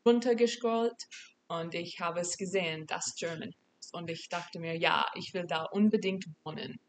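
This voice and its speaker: A woman's voice: fairly low pitch, moderate pace, slight background noise. Young American woman speaking learner's German. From United States. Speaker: podcast guest. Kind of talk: casual interview answers.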